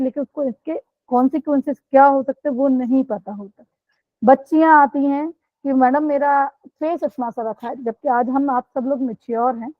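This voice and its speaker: A woman's voice: high-pitched, no echo, phone-quality sound. A woman police sub-inspector giving a guest talk in a webinar, earnest and explanatory, speaking straight to her listeners. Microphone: video call microphone.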